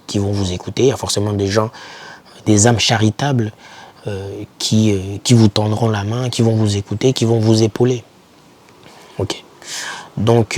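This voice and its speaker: A young male YouTuber with a lowish, slightly mellow voice encourages foreign students in an informal talk to camera. He drives his message home emphatically, circling back to key words again and again.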